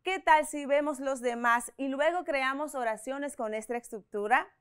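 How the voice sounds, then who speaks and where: A Dominican woman in her thirties, an English teacher, giving a televised lesson to schoolchildren and slowly modelling sentences in both languages with a Dominican Spanish accent. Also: high-pitched, a bit bright. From Dominican Republic. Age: 30s. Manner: slow, clear bilingual explaining, modelling words for repetition.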